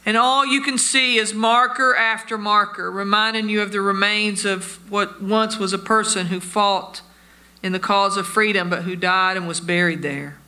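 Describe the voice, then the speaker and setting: A man's voice: high voice, steady tone, moderate pace, bright, forceful tone. A man preaching a sermon, telling stories and addressing his listeners as friends. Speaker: pastor.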